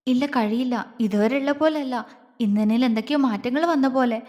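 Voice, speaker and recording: A woman's voice: on the high side, fairly quick, darkish tone, big-room sound, natural voice. A woman voicing a shy, tearful young bride in a romance audio story, speaking hesitantly and pleadingly. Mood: timid.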